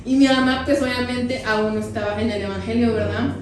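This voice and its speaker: Mujer pastora, tono algo alto, predicando con voz lejana en un salón con mucho eco. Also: female voice, a little high, fairly even intonation, brisk, heavy reverb, distant mic, a little hiss or hum, low-quality recording. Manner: testimony told with acted quotes. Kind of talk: sermon.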